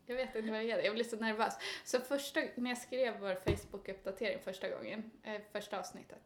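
A woman co-hosting a podcast, chatting casually in a relaxed way with brief replies. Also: medium pitch, echoey room, a little hiss or hum. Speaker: podcast co-host. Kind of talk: casual chat.

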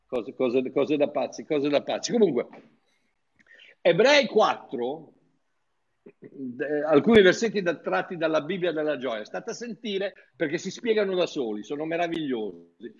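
A man's voice: fairly high pitch, lively intonation, a little slow, breathy edge. A man preaching in an informal, fervent teaching style, talking to his listeners like friends and often restarting his sentences. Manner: fervent, chatty, with frequent restarts. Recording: dull lo-fi sound.

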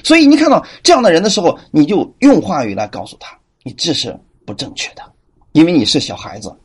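A male preacher delivers a sermon with a slightly husky voice. His pitch swings widely as he teaches, and he keeps a fairly high register. He acts out the people he quotes as he goes. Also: huge pitch swings, quick pace.

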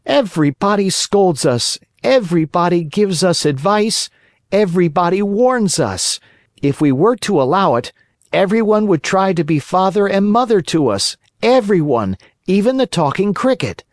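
A man voicing a cheeky, boastful wooden puppet boy in a high, excited voice. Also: normal speed, no echo, clean studio sound.

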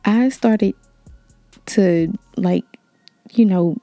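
A young woman hosting a podcast, telling a personal story in a candid, animated way, with slang. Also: mid-range voice, drawn-out words, no echo, soft background music. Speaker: podcast host. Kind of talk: story time.

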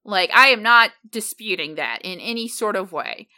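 A woman's voice: medium pitch, animated, moderate pace, sharp tone. A woman co-hosting a podcast in casual chat, frank and blunt, stumbling over her restarts. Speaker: podcast co-host.

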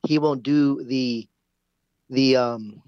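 A man's voice: mid-range voice, fairly even intonation, slow pace, clean tone, no room sound. Man on a phone line, caller, flu, muffled lo-fi sound, close and dry, rambling restarts. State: has the flu, coughing at times. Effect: heard over a phone line. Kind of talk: casual call-in chat.

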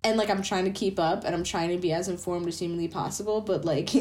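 A woman's voice: fairly low pitch, steady tone, quick pace, darkish tone. A young woman co-hosting a podcast, talking in casual chat with a nasal, stuffed-up voice and wry, teasing banter. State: congested, nasal. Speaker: podcast co-host.

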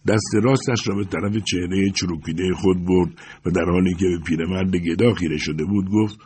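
A man narrating a literary audiobook in a measured, slow reading. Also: low-pitched, a little mellow, slightly rough.

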